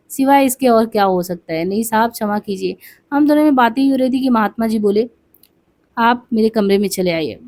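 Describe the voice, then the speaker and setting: A woman's voice: mid-range voice, dark tone. A woman reading a memoir aloud for exam study, voicing its dialogue with small asides and restarts.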